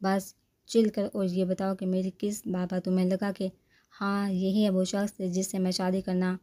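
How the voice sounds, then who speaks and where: A woman's voice: medium pitch, monotone, warm tone, natural voice. A woman voicing a playful, theatrical young man who teases his bride-to-be in a romance novel reading. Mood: teasing. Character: teasing, dramatic young man, a joker.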